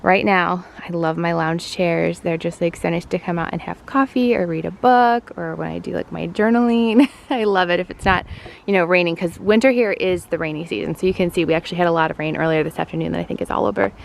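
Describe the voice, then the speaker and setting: A woman's voice: lowish voice, steady tone, brisk, vocal fry, slight background noise. A woman in her thirties chatting casually in a gushing way as she hosts a home tour vlog. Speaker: homemaking vlogger, host. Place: at home, partly outdoors on a deck.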